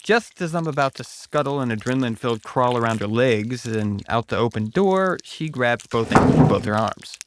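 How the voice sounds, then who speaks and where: A man's voice: mid-range voice, expressive, normal speed, hardly any pauses, very noisy. A man reading a scripted first-person horror story as its narrator. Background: music.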